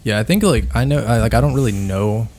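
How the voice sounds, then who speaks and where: Easygoing young man with a lowish voice. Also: fast talker, a little hiss or hum. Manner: relaxed, rambling with many likes and restarts. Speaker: podcast co-host. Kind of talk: casual chat.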